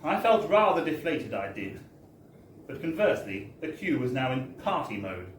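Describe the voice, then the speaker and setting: At a live book launch inside a bar, a man reads a comic story from a humorous book in a wry, theatrical, mock-formal style. His medium-pitched voice swings widely in pitch at a moderate pace. The recording is echoey and distant, with faint noise.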